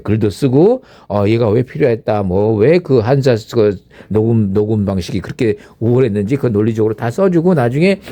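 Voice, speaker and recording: A man's voice: medium pitch, warm tone. A man hosting an audio channel, talking casually and enthusiastically about records and sound quality. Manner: enthusiastic, emphatic.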